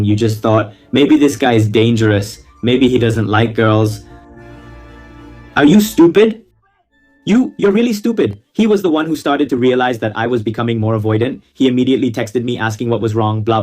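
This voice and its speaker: A man's voice: medium pitch, a little mellow. A man reading viewer confessions in a casual, slangy style, gleefully relishing the gossip and breaking in with mocking, exclamatory asides. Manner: slangy, exclamatory, theatrical reactions.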